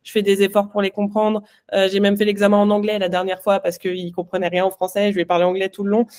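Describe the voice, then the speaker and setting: A woman's voice: mid-range voice, completely flat delivery, quick pace, a little mellow. A woman coaching pastry exam students in a live online Q&A, chatty and reassuring.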